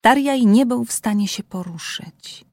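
A woman narrating a dark story as an audiobook, with measured, suspenseful reading. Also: a little high, no room sound, clean studio sound.

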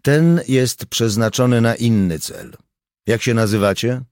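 A man doing a calm, assured young fighter. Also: mid-range voice, no room sound, studio quality, pitched above the performer's own voice, close to an everyday voice. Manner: calm, measured, diplomatic. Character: calm, self-assured male demolitions volunteer.

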